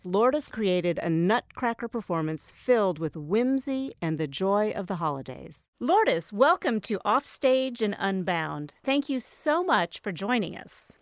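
A woman's voice: mid-range voice, very animated, measured pace, few pauses, dry recording, clean studio sound. A woman hosting a podcast, giving a polished scripted introduction and asking questions. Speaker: podcast host. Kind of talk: podcast interview host.

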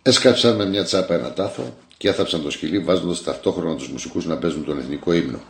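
A man, an actor, narrating a literary short story in a measured, scripted reading. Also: sits low, vocal fry, roomy sound.

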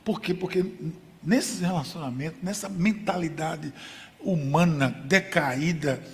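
A man's voice: fairly high pitch, a little slow, gravelly. A man preaching a sermon with emphasis, using contrasts and rhetorical questions. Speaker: pastor. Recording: long hall reverb.

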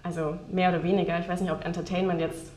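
A woman's voice: fairly low pitch, little pitch movement, quick pace, a little mellow, reverberant. A woman guest in a casual interview, rambling with many fillers and frequent laughs. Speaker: guest, game developer.

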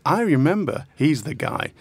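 A man, a guest commentator in lively political chat, animated and jumping into impressions. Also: normal speed, slightly rough, no room sound. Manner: animated, breaks into impressions with big pitch jumps.

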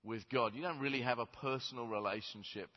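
Conversational preacher in an echoey church. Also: male voice, mid-range voice, brisk. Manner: self-deprecating, conversational storyteller. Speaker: guest preacher. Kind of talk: sermon. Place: large church. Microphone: headset mic. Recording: roomy church reverb, slightly dull.

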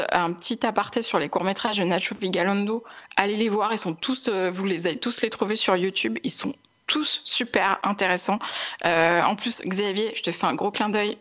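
A woman's voice: mid-range voice, fairly bright tone. A young woman hosting a casual film chat, chatty, with many fillers and restarts. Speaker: film podcast host.

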